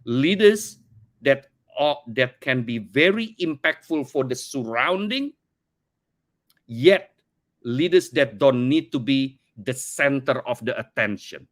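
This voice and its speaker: Speaking slowly at a medium pitch with lively intonation, a middle-aged Indonesian CEO appears as a podcast guest. In this conversational interview he earnestly relates his story in English, a second language for him, often repeating words as he looks for phrasing.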